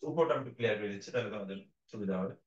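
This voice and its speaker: A male teacher giving a recorded class lecture, explaining patiently and sounding out vowels for his students. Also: fairly low pitch. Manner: explains slowly, demonstrates vowel sounds aloud; addresses students directly, patient. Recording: dull, echoey room audio.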